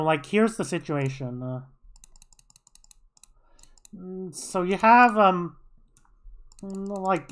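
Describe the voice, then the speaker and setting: An analyst casually breaking down team tactics over a match broadcast, thinking aloud with many fillers and restarts. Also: mid-range voice. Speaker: co-streaming analyst.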